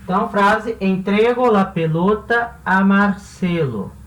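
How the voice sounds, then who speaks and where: A man's voice: high-pitched, takes it slowly, a bit bright. A man teaching a grammar lesson, explaining step by step and asking rhetorical questions as he goes. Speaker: Spanish teacher. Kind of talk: classroom-style grammar lesson. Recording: roomy, slightly distant mic.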